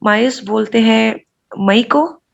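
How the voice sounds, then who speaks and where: A woman student reading out a vocabulary list in an online class, halting, with many fillers. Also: on the high side, creaky, lo-fi sound. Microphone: video call.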